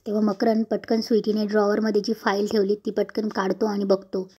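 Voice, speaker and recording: A woman's voice: mid-range voice, flat delivery, fairly quick, mellow, slightly rough. A woman narrating a casual recap of a TV serial episode, linking each line with plain storytelling. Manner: plain storytelling, repeated "then she says" links.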